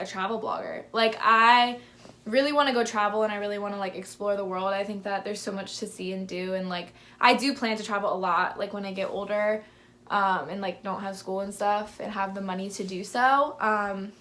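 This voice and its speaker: A woman's voice: mid-range voice, fairly even intonation, fairly quick, pushed and bright. Young woman with a lisp, chatty fitness vlog q&a, says like a lot. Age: 20s. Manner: chatty, lots of "like" fillers. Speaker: fitness vlogger. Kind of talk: casual Q&A to camera.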